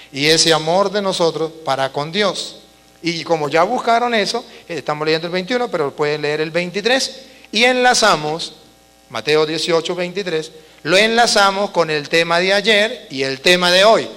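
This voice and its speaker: A male Venezuelan priest preaching a sermon, emphatic and repetitive, swinging between soft and loud. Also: a little high, moderate pace. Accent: Venezuelan Spanish. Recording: long hall reverb with mains hum.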